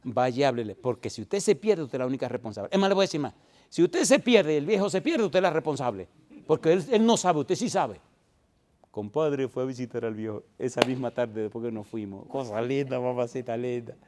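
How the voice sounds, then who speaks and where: A man's voice: mid-range voice, animated, fairly quick, a little mellow. A middle-aged male pastor preaching a sermon, firing repeated rhetorical questions at his congregation and building to emphatic peaks.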